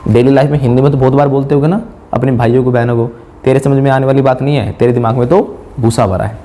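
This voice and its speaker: A middle-aged man teaching spoken English, asking quiz questions and repeating each English sentence slowly. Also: medium pitch, steady tone, mellow. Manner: asks the viewer rhetorical quiz questions.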